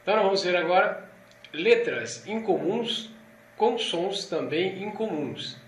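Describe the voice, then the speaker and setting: A man's voice: sits high, expressive, measured pace, a little hiss or hum. A man teaching a language lesson, who patiently repeats each sound several times and often checks in with tag questions. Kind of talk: explaining Russian letters, slowly repeating sounds. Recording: echoey room with faint ambience.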